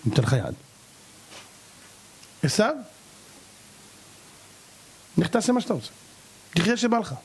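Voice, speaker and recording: A man's voice: high voice, pauses often, slightly rough. A man giving a sermon as a rabbi, telling a story and acting out its characters with cries and exclamations. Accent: Israeli Hebrew. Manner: animated, acts out characters and cries out.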